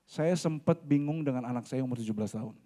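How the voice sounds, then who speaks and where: A man's voice: medium pitch, fast, warm tone. A man in his forties preaching a sermon in a church, talking animatedly and often addressing the congregation directly. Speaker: pastor. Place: church hall.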